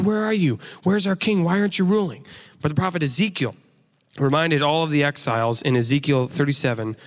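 A male pastor delivers a casual sermon, pitched slightly high for a man. He jokes with the congregation and acts out the people he quotes. His voice rings with a long hall reverb. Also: a bit bright.

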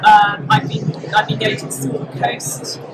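A woman, a property journalist, chatting in an interview full of ums and restarts, on a low-quality live recording at a busy exhibition hall. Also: level tone, normal speed. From Britain. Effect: low-quality live recording with loud background noise. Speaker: property journalist, podcast guest. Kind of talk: casual interview chat. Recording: loud crowd noise from a live show.

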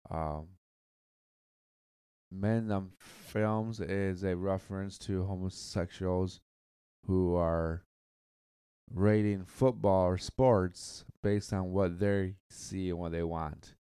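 A man hosting a solo podcast, talking casually in a halting way, repeating words and stuttering now and then. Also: deep voice, mellow, clear, resonant tone, no echo, clean studio sound. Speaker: podcast host.

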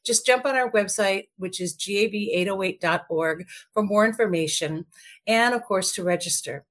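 A woman co-hosting a podcast in casual chat, chatty and upbeat, with her morning voice lower than usual. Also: normal speed, a bit bright. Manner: chatty and upbeat, lots of fillers. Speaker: podcast co-host.

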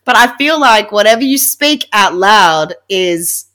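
A female podcast host with a stuffed-up, nasal voice and a medium pitch. She talks informally and emphatically, like a coach explaining ideas to her listeners, often checking in as she goes. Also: expressive, measured pace, a bit bright. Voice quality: nasal, blocked-nose voice. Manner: chatty, informal, emphatic with check-in tags like "right?". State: congested with a blocked nose. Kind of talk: casual solo podcast talk.

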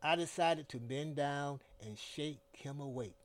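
A man narrating a first-person story in a slow, deliberate storytelling manner. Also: on the high side.

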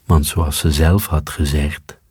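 Slow, deep-voiced male storyteller. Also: slightly rough, no echo, studio quality. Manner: calm, measured, storytelling. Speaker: narrator. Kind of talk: storybook reading.

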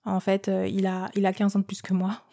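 A woman's voice: medium pitch, completely flat delivery, fairly quick, gravelly, dark tone, close to an everyday voice. A woman voicing a bold young party girl who talks in a chatty way and hesitates often. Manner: chatty, hesitant, full of fillers.

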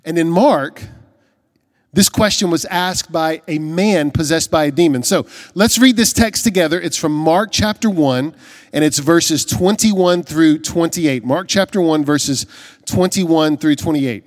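A man's voice: on the high side, measured pace. Man preaching in a reverberant hall. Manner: earnest, emphatic preaching with rhetorical questions. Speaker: pastor. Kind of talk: sermon.

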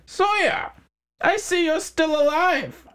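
A man voicing a sadistic, mocking male crime boss with a high-pitched, squealing voice. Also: slow, fairly bright tone, full character voice. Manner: mocking, smug and menacing.

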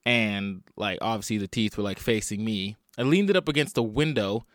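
A man's voice: lowish voice, moderate pace, no echo, clean studio sound. Self-deprecating man with a split, swollen lip. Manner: rambling, self-deprecating, swearing freely. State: swollen, bruised upper lip; tired and hungover. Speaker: podcast host and comedian. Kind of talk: casual solo comedy podcast chat. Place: at home in a basement.

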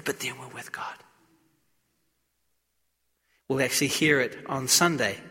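A man, a priest, reading the Gospel and preaching at a funeral in a slow, measured, solemn way, with a long church echo on his voice. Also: a little high, pushed and bright. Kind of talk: funeral homily. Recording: echoey church, long reverb.

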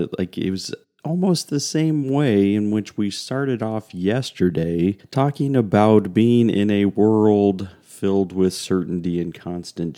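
A man who is a pastor, talking through a daily devotional podcast in a casual, conversational way, often asking "right?" and laughing softly. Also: low voice, vocal fry.

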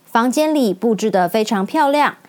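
Woman reading a kids' story, lively and expressive, kinda high voice. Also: moderate pace.

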